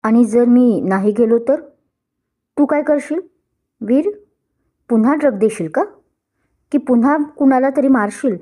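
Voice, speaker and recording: A woman's voice: medium pitch, lively intonation, normal speed, dark tone, lightly acted. Sarcastic taunting rival, read by a woman. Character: young man, mocking rival friend.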